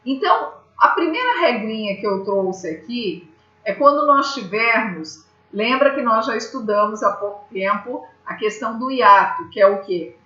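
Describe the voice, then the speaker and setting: A Brazilian woman teacher gives a grammar lesson, explaining patiently step by step and checking in with her students. Her voice is medium-pitched, bright, and forceful. The recording comes from an echoey room and sounds slightly dull.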